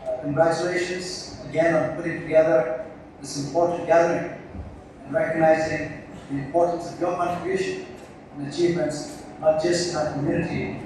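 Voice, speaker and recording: A Sherpa man from Nepal giving an earnest video greeting with frequent pauses. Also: a little high, fairly even intonation, darkish tone. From Nepal, Sherpa community. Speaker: well-wisher sending a video message. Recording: echoey room, mic far off, clear noise.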